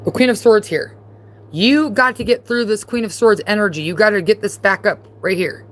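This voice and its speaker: A woman's voice: medium pitch, normal speed. A woman doing a live-streamed tarot reading, talking casually and bluntly to the viewer and often repeating herself. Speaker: tarot reader.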